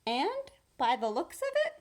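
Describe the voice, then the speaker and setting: A woman reads from a children's storybook like a teacher, her voice sitting high and her storytelling expressive and unhurried.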